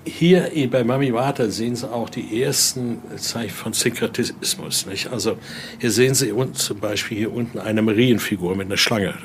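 Against a noisy background, a man whose voice sits on the low side talks at normal speed. As guide and collector, he walks visitors through a Voodoo altar exhibition in a casual, storytelling way, frequently finishing lines with short tag questions.

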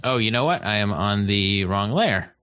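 A man running a tabletop game as game master, halting with many fillers and laughing often. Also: lowish voice, expressive, fairly bright tone, clear, resonant tone, no echo, soft background music.

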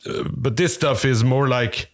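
A man with a Norwegian accent, English not his first language, chatting casually as a podcast co-host and often pausing to search for words. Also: medium pitch. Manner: hesitant, searching for English words, many fillers. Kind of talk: casual chat.

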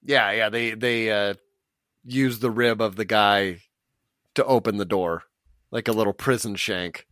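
A man's voice: lowish voice, fairly even intonation, unhurried, a bit bright, no echo, clean studio sound. A man co-hosting a podcast in casual chat, eager and repeating himself with many fillers. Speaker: podcast co-host. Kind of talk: casual chat recapping a TV show.

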